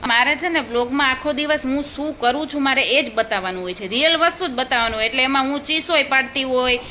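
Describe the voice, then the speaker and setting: A young woman chats to her viewers in a family vlog, now and then coaxing a little one along. Her voice sits high and sounds bright and clear, with a faint hum of the room behind. She talks into a phone held close to her mouth. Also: fast talker. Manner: chatty, coaxing a child along. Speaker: family vlogger. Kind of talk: casual vlog chat.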